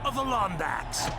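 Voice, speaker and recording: Video game villain: gloating mustache-twirling TV tycoon, theatrical, slow and savoring, big pitch swings, music underneath. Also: male voice, gravelly, exaggerated voice. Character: theatrical middle-aged male villain, bombastic game show tycoon. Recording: loud music behind.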